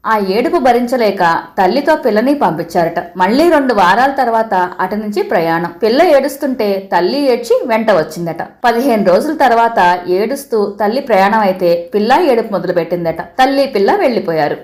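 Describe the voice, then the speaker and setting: A woman's voice: on the high side, moderate pace, hardly any pauses. Woman narrating a humorous story. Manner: calm, even first-person storytelling.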